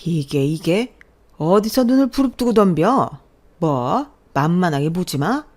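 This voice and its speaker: A woman voicing a stern, angry middle-aged father who scolds loudly. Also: low-pitched, normal speed, close to an everyday voice. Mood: scornful. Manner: shouting, scolding.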